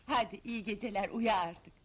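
An actress playing a gentle young woman who patiently coaxes and teaches. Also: mid-range voice, takes it slowly, a little hiss or hum. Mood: coaxing. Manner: patient, coaxing.

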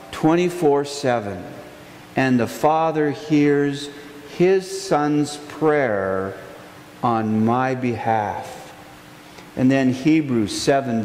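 Slow, earnest male pastor in an echoey church. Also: medium pitch, a little mellow. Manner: earnest, gestures a lot, slow emphatic phrases. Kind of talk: sermon. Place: church sanctuary, indoors. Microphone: pulpit mic, far camera. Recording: echoey sanctuary with long reverb, faint hiss.

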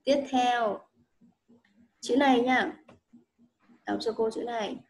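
Slow, patient Vietnamese teacher woman. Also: a little high, steady tone, a little mellow, rough recording. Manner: patient, coaxing, repeats words slowly. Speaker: English teacher. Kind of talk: one-on-one reading lesson.

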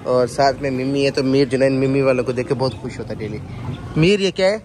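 Out at the shops and a market, a family vlogger chats to his viewers, calling them guys, and teases the children with him. His mid-range voice is a little mellow, fast, and flat in delivery, with soft music playing in the background.

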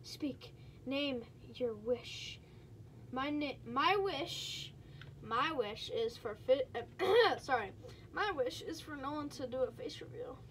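A woman giving casual, excitable commentary while playing a game, chatting to her viewers with quick exclamations. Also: high voice, slight background noise. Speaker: gaming streamer.

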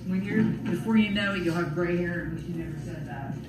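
A woman's voice: on the low side, a little fast, crowd noise. An older woman working as a nurse, chatting casually with a patient in a reassuring, amused way. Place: hospital recovery room. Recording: distant, noisy, echoey hospital phone video.

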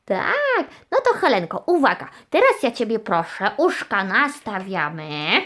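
A woman's voice: medium pitch, very animated, normal speed, a bit bright. A young woman teaching a small child in a children's lesson, patient and encouraging as she guides step by step. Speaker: children's educator.

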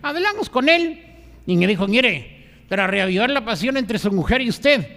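A man's voice: very high voice, big pitch swings, normal speed, a bit bright, full character voice. A man putting on a bawdy, boastful old grandfather character for a stand-up comedy double act, with long live-venue reverb. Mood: bawdy boasting. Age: older. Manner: bawdy, boastful punchline delivery. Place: stage or restaurant venue.

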